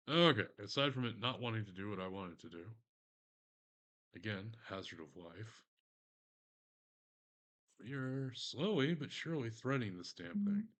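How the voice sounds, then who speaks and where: A man's voice: lowish voice, a bit bright. A man with a Texan accent chatting casually while he sews leather on a stream, rambling, swearing freely and poking fun at himself. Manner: rambling, profane, self-mocking. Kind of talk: casual crafting stream chat.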